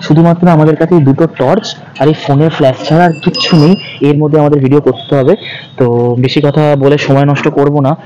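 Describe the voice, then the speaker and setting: A man hosting a ghost-hunting vlog on location, speaking softly in a hushed, casual way. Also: fairly high pitch, little pitch movement, fast talker, muffled recording, a little hiss or hum. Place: outdoors at night in a dark field.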